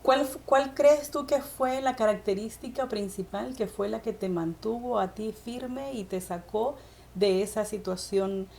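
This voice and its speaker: A woman's voice: on the high side, a little slow, gravelly, darkish tone, a little hiss or hum. A woman hosting an interview, asking questions with attentive, brief affirmations. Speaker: interviewer, podcast host.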